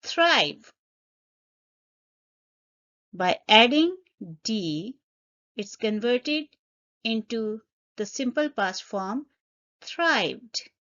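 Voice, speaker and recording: A woman teaching an English grammar lesson, speaking deliberately, spelling out letters and repeating each example. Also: on the high side, animated, fairly bright tone. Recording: slightly dull lo-fi recording.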